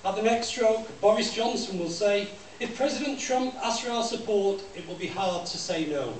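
The clip captures a man with a high-pitched voice performing a poem live: measured, declamatory, deadpan and repetitive. He is in a small library room with listeners, and because a distant camera picked up his stand-mounted mic, the audio is echoey and noisy.

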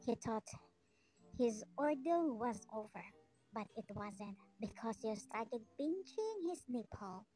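A woman's voice: a little high, lively intonation, slow pace, warm tone, faint music behind, rough recording. A woman narrating a fan fiction story in the second person as a voiceover.

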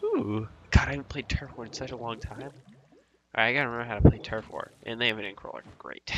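A man's voice: medium pitch, fast, background noise. A man hosting a gaming channel, talking through gameplay in casual, rambling commentary with many hesitations and fillers.

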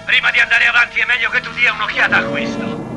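An actor voicing Repto, a scheming reptile villain overlord, in a dubbed cartoon. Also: male voice, extremely high pitch, flat delivery, fast. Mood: menacing. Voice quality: gravelly, menacing. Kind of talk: 1960s cartoon dubbing. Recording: dubbed cartoon soundtrack with music.

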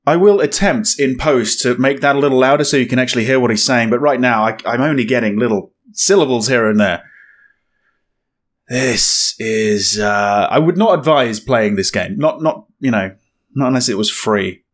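A man's voice: mid-range voice, moderate pace. Wry man commentating a game. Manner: wry, bemused. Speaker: game streamer. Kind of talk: casual gameplay commentary.

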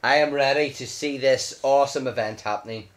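A man's voice: medium pitch, brisk. Chatty, playful man. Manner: chatty and playful, cheering loudly. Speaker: parent co-hosting a game video. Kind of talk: casual chat.

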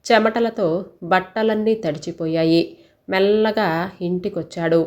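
A woman reads a story aloud at a steady, expressive pace. Her voice sits in a middle pitch range. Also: measured pace. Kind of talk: story reading.

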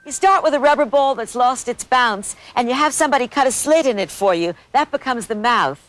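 A woman hosting a children's TV show, presenting crafts and tricks in an animated, bouncy way and talking straight to the children. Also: a little high, fairly quick, slight background noise. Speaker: children's TV host.

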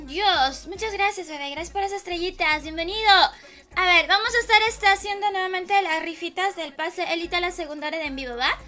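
Hoarse high-voiced woman streamer. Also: brisk, sharp tone. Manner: affectionate, greets viewers by name and blows kisses. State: hoarse, losing her voice. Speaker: livestream gamer host. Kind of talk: casual late-night livestream chat.

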